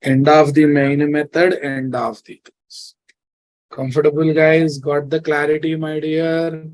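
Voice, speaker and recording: A man's voice: on the high side, little pitch movement, unhurried, a little mellow, no room sound, low-quality recording. A man with a Telugu Indian accent teaching a live coding lesson, repeating his phrases and often checking in with his students. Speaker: programming teacher.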